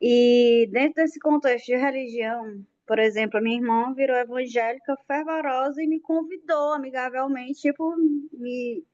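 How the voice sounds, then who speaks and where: A woman's voice: high-pitched, steady tone, moderate pace, darkish tone, muffled recording. A woman in a casual group discussion, telling personal stories in a chatty, self-mocking way. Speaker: study group member.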